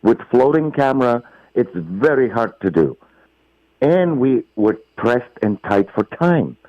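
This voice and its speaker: A man's voice: mid-range voice, big pitch swings, unhurried, dry recording. A middle-aged man with a Bulgarian accent, an actor speaking effusively in a phone interview. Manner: effusive, emphatic, non-native phrasing. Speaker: actor guest. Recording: muffled phone line.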